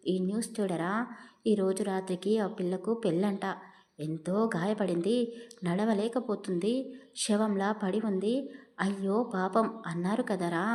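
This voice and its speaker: Spiteful, vengeful old grandmother from a storybook audio drama, scornful and loud, voiced by a woman reader. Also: medium pitch, natural voice.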